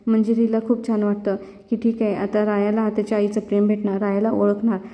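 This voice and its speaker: A woman's voice: medium pitch, monotone, a little fast. A woman retelling a TV serial episode as a story, quoting the characters' lines. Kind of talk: storytelling recap with acted quotes. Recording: dull lo-fi sound with long reverb.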